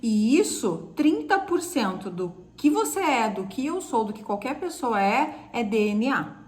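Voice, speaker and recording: Emphatic high-voiced Brazilian woman mentor. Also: sing-song, measured pace. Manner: emphatic and instructive, often addresses viewers directly. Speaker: co-host of a mentoring live stream. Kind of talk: casual mentoring talk.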